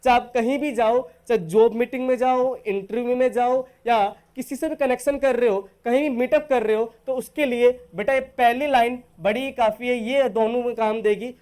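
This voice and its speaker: A man from Rajasthan teaching spoken English in a recorded online lesson. He is patient, calls his students "beta" and says the English model phrases slowly. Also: very high voice, steady tone, darkish tone, clean tone. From Rajasthan, India.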